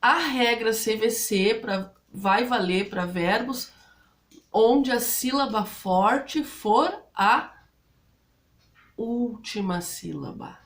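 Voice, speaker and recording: An English teacher speaking Brazilian Portuguese explains English grammar rules to students step by step, often checking in with her listeners. She has a fairly high-pitched voice and draws out her words.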